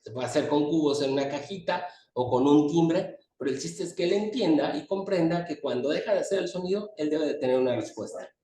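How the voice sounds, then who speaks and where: Male conference lecturer, slightly high voice, echoey hall, mic set back from him. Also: a little fast, hardly any pauses, dark tone. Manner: explanatory, pointing at slides. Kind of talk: medical lecture. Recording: echoey hall, distant mic, faint noise.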